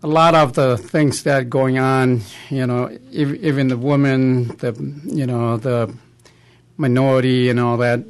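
A middle-aged or older man giving his opinion haltingly, often saying "you know". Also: medium pitch. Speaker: panel guest. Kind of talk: unscripted opinion in a discussion.

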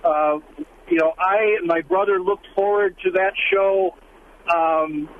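A middle-aged man from Milwaukee calling in on speakerphone while driving, earnest and halting, with many fillers and restarts. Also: high voice, fairly even intonation. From Milwaukee, USA. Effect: speakerphone in a moving car, heard over the phone line. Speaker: caller. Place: driving car. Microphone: car speakerphone. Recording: tinny phone line with faint car noise. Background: faint road noise.

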